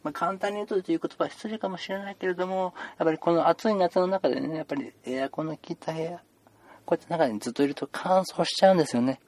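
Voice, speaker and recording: A man's voice: a little high, fast talker, darkish tone, natural voice. A man playing a chatty male doctor who rambles with puns and mock-stern scolding, in an improvised comedy role-play. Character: chatty joking male doctor seeing patients.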